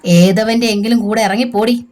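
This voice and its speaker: A woman's voice: mid-range voice, fairly even intonation, normal speed, darkish tone, close to an everyday voice. A woman voicing a furious middle-aged mother who barks harsh orders. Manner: scolding, harsh commands.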